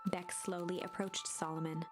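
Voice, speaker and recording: A woman playing a storybook game narrator, delivering scripted literary narration in an expressive, deliberate way. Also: lowish voice, close to an everyday voice. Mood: storytelling. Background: background music.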